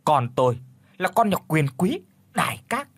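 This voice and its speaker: A man's voice: fairly high pitch, sing-song, moderate pace, no echo. A man voicing a proud, greedy old village official who talks boastfully in a spoken story. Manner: boastful, haughty.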